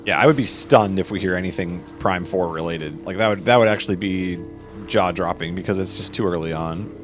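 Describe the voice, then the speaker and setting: A man with a deep voice talks briskly on a live gameplay stream, casually chatting with viewers and answering their questions as he plays. Faint music plays behind him.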